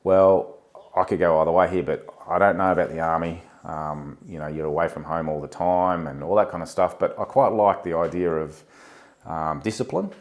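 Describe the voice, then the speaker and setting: A very deep-voiced Australian man in his forties answers interview questions in a relaxed, conversational way. He pauses often with ums and uhs, thinking back as he talks. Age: 40s. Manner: hesitant, many ums and uhs, reflective. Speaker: podcast guest, former police officer.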